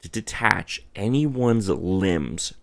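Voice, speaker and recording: Male game reviewer, drunk, very low and fry-heavy, profane, emphatic, stretches out words. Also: animated. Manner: emphatic, theatrical, drawn-out words and repeated phrases.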